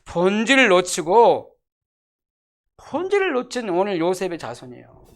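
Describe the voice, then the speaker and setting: A pastor preaching a sermon, emphatic and repetitive, asking the congregation rhetorical questions and dropping from loud declarations to hushed asides. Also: medium pitch, huge pitch swings, normal speed. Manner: emphatic, repeats key phrases, asks the congregation rhetorical questions. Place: church sanctuary.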